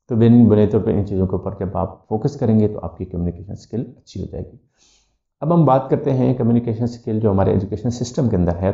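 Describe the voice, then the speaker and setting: A man's voice: lowish voice, creaky, dark tone. A man speaking with an Urdu accent, an educator giving a lecture-style talk that mixes in English terms, with frequent "uh" fillers. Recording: echoey room, dull lo-fi sound.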